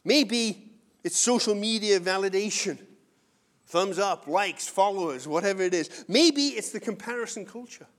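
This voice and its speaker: Male pastor, high-pitched, earnest conversational sermon, big swings in volume. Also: animated, moderate pace. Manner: earnest, conversational preaching with wide swings in loudness.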